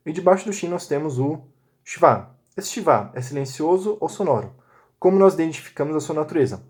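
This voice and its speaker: A man walks through a recorded lesson one step at a time, pausing to check in with his listeners. His voice sits a little higher than most men's, and his pace is patient and methodical. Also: a little mellow. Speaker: Biblical Hebrew teacher.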